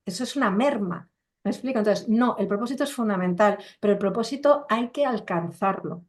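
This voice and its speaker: A middle-aged woman, speaking as a coach and interview guest over a computer video call, emphatic and full of rhetorical questions. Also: fairly high pitch. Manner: acts out quoted voices while explaining. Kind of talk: casual conversational interview.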